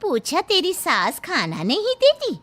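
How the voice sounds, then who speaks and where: Woman voicing a slow gossipy neighbour auntie. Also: very high-pitched, huge pitch swings, fairly bright tone, pitched above the performer's own voice, heavily acted. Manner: drawn-out, gossipy.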